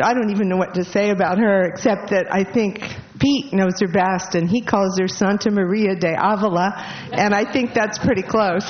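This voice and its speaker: A tearful woman gives a farewell speech at a public meeting, her voice catching as she laughs through the tears. She speaks haltingly with mid-range pitch. The recording is dull and lo-fi, with faint noise behind her. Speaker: departing school board member.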